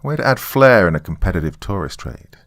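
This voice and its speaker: Recorded dry and close with no echo, a man with a very low, creaky voice performs a jaded, middle-aged small-town narrator sharing his horror story in a chatty first-person way. The acting is heavy and the pace fast, with big pitch swings and a fairly bright tone. He sounds sardonic and matter-of-fact, tossing in dry asides, and the mood is wry and confiding.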